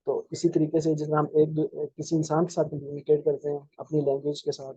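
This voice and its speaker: Guy teaching coding on a call, flat, mellow voice, pretty dull lo-fi sound, dry. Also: a little high, husky, no echo. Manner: unhurried explaining with many fillers and restarts. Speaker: programming instructor. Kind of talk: live online lecture.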